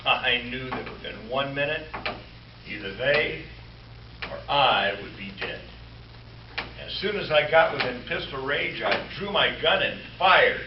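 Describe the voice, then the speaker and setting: An amateur player in a live stage re-creation of a 1950s radio comedy narrates a mock western as its wry comedian hero, deadpan, with dramatic pauses and a tense, solemn mood. His natural voice sits mid-range. The audio, taken from far off in a noisy, echoey hall, sounds muffled.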